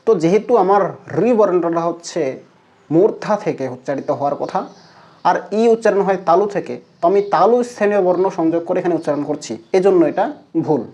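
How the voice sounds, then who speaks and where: A man with a Bengali accent teaching Sanskrit pronunciation in a measured lesson, slowing down to recite rules. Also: sits high, a little mellow. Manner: measured, chants sutras slowly. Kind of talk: explanatory lesson.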